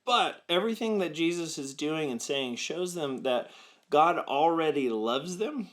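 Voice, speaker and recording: A man's voice: on the high side, animated, measured pace. A young man co-hosting a student ministry video in casual chat, reading a story aloud and then teaching. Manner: upbeat, reads a choose-your-path story aloud.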